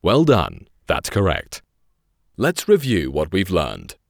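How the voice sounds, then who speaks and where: A man reading scripted voice-over in a measured, clearly articulated announcer's manner, recorded close on a studio microphone. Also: sits low, wildly swooping pitch, dry recording. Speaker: voice-over narrator. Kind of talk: scripted narration, voice-over demo reel.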